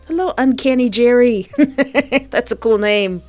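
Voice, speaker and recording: Slightly high and a little slow, a woman's voice carries a livestream where she, a game developer, chats casually and effusively with viewers. She reacts aloud to chat messages informally, and soft music plays behind her.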